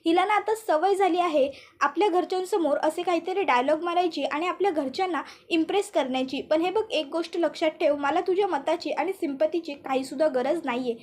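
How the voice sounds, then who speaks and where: A woman's voice: very high voice, brisk. A woman voicing a bitter, resentful young woman who sneers at her sister-in-law, in a serial recap.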